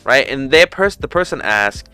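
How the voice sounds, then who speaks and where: A man's voice: medium pitch, expressive, moderate pace, pushed and bright, clean tone. A man in his thirties from Puerto Rico, hosting a casual livestream, chatting informally with lots of fillers and restarts into a headset mic. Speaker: livestream host. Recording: music playing faintly underneath.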